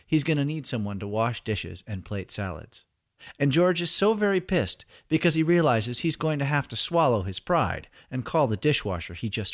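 A man narrating a scripted story as podcast host, in a wry, theatrical, deliberate manner. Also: medium pitch, no room sound, clean studio sound.

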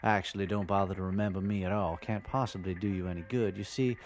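A man's voice: low-pitched, fairly even intonation, fast, faint music behind. A man playing a smug, mysterious stranger who insists he does not exist, speaking in a sly, mock-grand way.

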